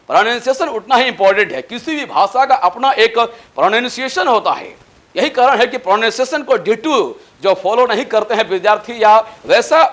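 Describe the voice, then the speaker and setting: A man with a fairly high voice and an Indian accent teaching an English lesson. He spells out each word letter by letter and stretches his English example sentences slowly. He presses his students to learn the material by heart. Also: fairly bright tone. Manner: lecturing, exhorting students to memorize. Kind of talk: spoken English lesson in Hindi.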